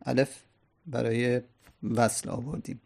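A man's voice: mid-range voice, fairly even intonation, creaky, darkish tone. A man teaching a grammar lesson, explaining step by step and answering his own questions.

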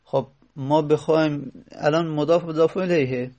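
A man teaching a grammar lesson, patient and explanatory. He repeats each step, stops to think aloud with fillers and slows down on the key examples. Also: fairly high pitch, fairly even intonation, mellow, highs cut off.

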